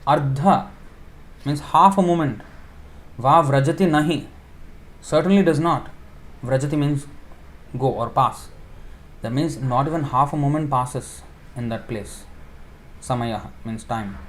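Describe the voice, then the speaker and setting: Speaking at a medium pitch, a preacher gives an informal sermon during a scripture class. He thinks aloud, leaning on everyday examples, pausing with fillers and correcting himself along the way.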